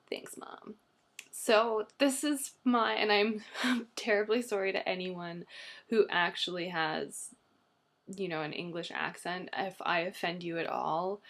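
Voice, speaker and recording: Giggly Canadian woman with vocal fry. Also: lowish voice, fairly bright tone. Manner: rambling, giggly, self-deprecating. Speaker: vlogger. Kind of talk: casual vlog chat.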